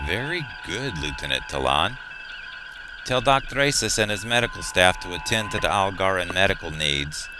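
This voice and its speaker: A man playing a calm, commanding starship captain in an audio drama, measured and authoritative. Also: low voice, background noise. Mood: brisk, commanding.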